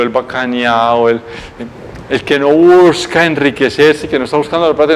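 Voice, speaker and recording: Un profesor con acento colombiano que da una clase televisada en tono coloquial, contando la historia de forma animada y corrigiéndose a sí mismo. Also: male voice, fairly high pitch, slight background noise. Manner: lively, colloquial, self-correcting storyteller. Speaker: teacher. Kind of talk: televised lecture, storytelling.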